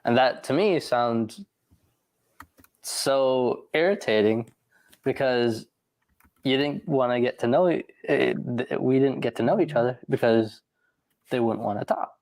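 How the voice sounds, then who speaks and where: Casual male talker, medium pitch, hesitant phrasing, dry room-free audio. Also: a little mellow, dry recording. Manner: halting, searching for words. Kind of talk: conversation about dating.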